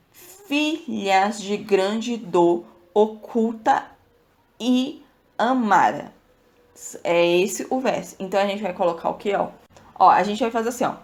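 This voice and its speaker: Brazilian woman teaching poetry casually. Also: medium pitch. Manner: addresses listeners as "gente", counts syllables aloud, frequent "tá, gente?". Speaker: podcast host teaching literature. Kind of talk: casual explanatory lesson.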